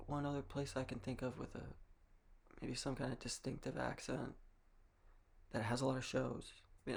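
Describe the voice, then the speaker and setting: Gravelly man with a Massachusetts accent. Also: medium pitch. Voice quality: gravelly, husky. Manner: wry, rambling, opinionated. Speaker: vlogger. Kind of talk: casual monologue.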